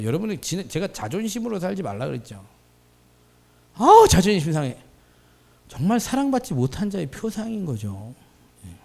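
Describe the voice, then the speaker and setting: A man in his thirties, a pastor preaching a lively, playful sermon and acting out quoted voices. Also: mid-range voice. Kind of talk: sermon with acted-out anecdotes. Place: church hall.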